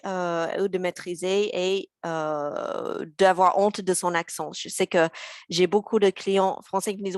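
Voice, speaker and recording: A woman's voice: medium pitch, no echo. American woman w/ a mississippi accent, coaching in french, hesitant but earnest, dry close sound. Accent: Southern American (Mississippi) speaking French. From USA. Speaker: intercultural coach. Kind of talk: panel discussion.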